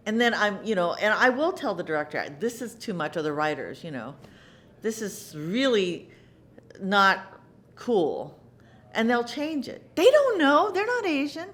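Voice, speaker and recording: A middle-aged woman in a theater interview, her pitch rising and falling freely as she talks. She reflects on her work in an animated, earnest way. She often doubles words for emphasis and brings quoted lines to life as she goes. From United States. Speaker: actress interviewee.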